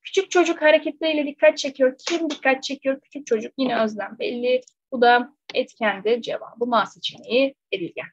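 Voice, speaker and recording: A woman teacher with a high voice and fairly even intonation speaks a little fast, with few pauses, while working step by step through exam questions. Rhetorical questions serve as her frequent checks. The close recording is slightly dull and dry, without echo.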